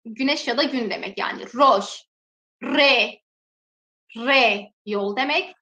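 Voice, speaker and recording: A high, bright woman's voice, teaching a language lesson in a slow and careful way. She drills each example word twice and stretches the sounds. The recording has a noticeable room echo. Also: dull audio. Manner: slow, drawn-out pronunciation drills. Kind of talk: alphabet lesson with repeated example words. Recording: echoey room.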